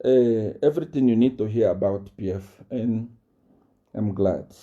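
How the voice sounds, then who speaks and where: A man's voice: lowish voice, normal speed, dark tone, dull audio. A man ranting on a live stream, boastful and threatening, repeating himself often. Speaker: self-styled prophet addressing viewers. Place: South Africa.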